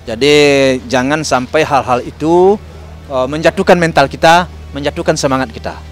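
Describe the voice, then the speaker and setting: A middle-aged man speaking earnestly and carefully to reporters, pausing often with fillers. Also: on the high side, faint music behind. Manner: measured, earnest, many fillers. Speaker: interviewee, family member.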